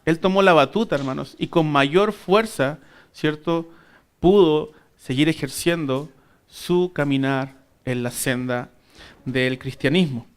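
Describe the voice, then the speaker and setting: A man's voice: on the high side, slow, clear, resonant tone. A man teaching a Bible class at church, earnestly addressing his listeners as brothers and often checking in with them. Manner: keeps calling listeners "brothers" and asking "right?"; earnest, uneven emphasis between soft asides and raised points.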